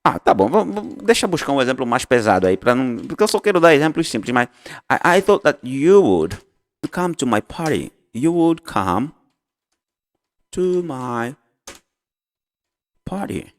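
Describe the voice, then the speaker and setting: Male English teacher, lively pitch, casual and repetitive, recorded with long reverb. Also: normal speed, pauses often. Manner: explains in Portuguese, models English phrases, repeats and self-corrects. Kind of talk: casual online lesson.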